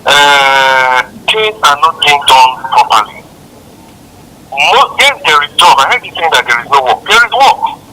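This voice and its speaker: A man from Nigeria, calling in and forcefully listing complaints, his voice climbing as he goes. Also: fairly high pitch, big pitch swings, unhurried, low-quality recording. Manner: forceful, rising, listing grievances. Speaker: caller. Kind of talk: phone-in comment.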